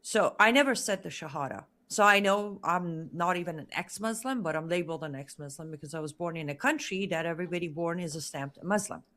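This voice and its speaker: A woman's voice: fairly low pitch, fairly quick, hardly any pauses, fairly bright tone. A woman whose first language is Farsi, a guest telling her own story in an interview with earnest, emphatic speech that repeats words for stress. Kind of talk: interview testimony.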